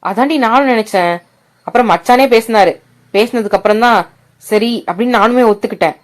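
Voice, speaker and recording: A woman's voice: a little high, a little fast, close to an everyday voice. A woman voicing a talkative village father telling his wife news. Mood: happy. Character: cheerful village father, proud of his daughter.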